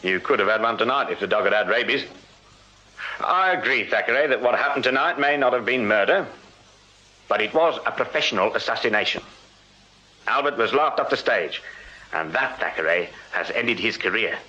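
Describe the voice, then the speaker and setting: An actor playing a shrewd, firm Victorian police sergeant with an English accent, brisk, courteous and wry, in a radio drama. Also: male voice, medium pitch, lively intonation, bright, forceful tone. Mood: wry, intent. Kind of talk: full-cast radio drama acting. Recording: slightly dull radio drama recording.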